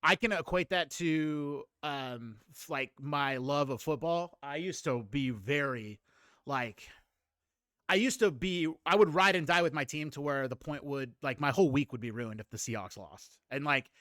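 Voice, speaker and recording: A man's voice: on the high side, normal speed, a bit bright, no room sound, studio quality. A man in his late thirties hosting a casual livestream chat, rambling, laughing often and greeting viewers. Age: 30s. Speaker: streamer host.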